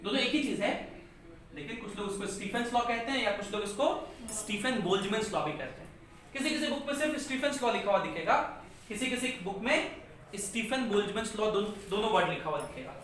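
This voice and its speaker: A man's voice: sits high, lively intonation, fast, fairly bright tone. A male physics teacher lecturing a class, asking questions and repeating key terms. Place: large echoey classroom. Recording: echoey classroom from far off, faint noise.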